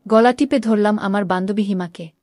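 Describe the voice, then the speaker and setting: Woman narrating a story, mellow. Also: medium pitch, fairly quick, no room sound, studio quality. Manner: reads all characters in her own voice with small shifts. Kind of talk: first-person story narration.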